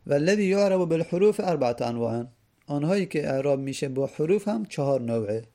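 A man teaching an Arabic grammar lesson in Persian, reading each rule aloud and then explaining it slowly with repeated examples. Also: fairly high pitch, lively intonation, warm tone.

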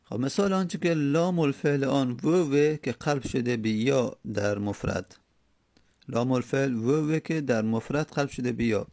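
Brief: male grammar teacher, gravelly, dry close sound, methodical drilling. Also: medium pitch, darkish tone, dry recording. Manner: explains step by step, repeats words slowly to drill them. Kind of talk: classroom lecture on Arabic morphology.

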